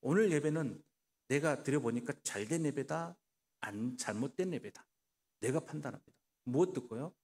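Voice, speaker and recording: A man's voice: medium pitch, lively intonation, normal speed, darkish tone. A male pastor preaching a sermon in a church. He asks the congregation rhetorical questions and acts out the voices he quotes. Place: church sanctuary. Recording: reverberant church hall.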